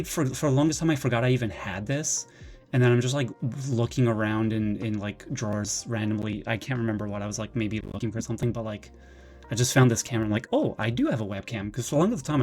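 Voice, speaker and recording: A man streaming from his bedroom, chatting casually, rambling and excitable, with lots of restarts and a slightly nervous, jittery edge. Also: lowish voice, fast, soft background music. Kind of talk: casual live-stream chat.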